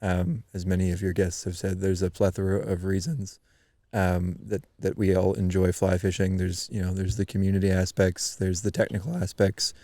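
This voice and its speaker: A man from eastern Canada, a podcast guest, telling a story in a loose, animated way with many ums and restarts. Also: low-pitched, moderate pace, no echo, clean studio sound. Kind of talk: casual storytelling chat.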